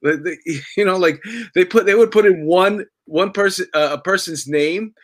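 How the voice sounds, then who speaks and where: A man's voice: sits high, normal speed. A man, a former detective hosting a podcast, rambling and laughing as he tells stories. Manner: rambling, laughing, full of restarts. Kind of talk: casual podcast chat.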